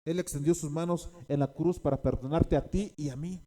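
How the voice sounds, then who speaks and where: A man's voice: on the high side, fairly even intonation, fairly quick, mellow. A man preaching a sermon as a pastor, repeating key phrases and often checking in with his listeners.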